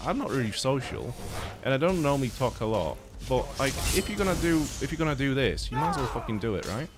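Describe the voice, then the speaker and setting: A young man from Poland, streaming a game and chatting casually, rambling with lots of fillers and swearing, a little stuffy-nosed. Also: mid-range voice. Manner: rambling, swears a lot, many fillers and restarts. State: blocked nose. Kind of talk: casual live-stream chat while gaming.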